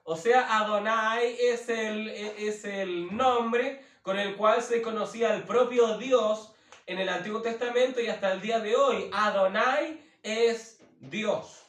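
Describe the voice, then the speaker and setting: A man teaching the Bible as a preacher, slowly repeating and rephrasing himself with many fillers. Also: high-pitched, steady tone, a bit bright, distant mic. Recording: roomy, from away from the mic.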